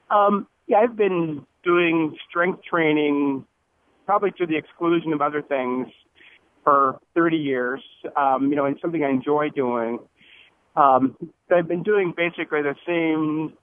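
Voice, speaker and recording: A middle-aged man phones into a radio show while driving, his slightly high voice squeezed through a thin, tinny phone line. He talks haltingly, stopping and restarting as he searches for words, with a faint hum of road noise behind him. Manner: hesitant, halting with many fillers. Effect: phone call on a radio show. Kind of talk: casual call-in question. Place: in his car.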